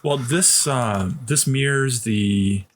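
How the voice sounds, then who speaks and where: A man on a podcast, chiming in quickly with side remarks. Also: medium pitch, a little hiss or hum. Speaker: podcast co-host. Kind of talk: casual film review chat.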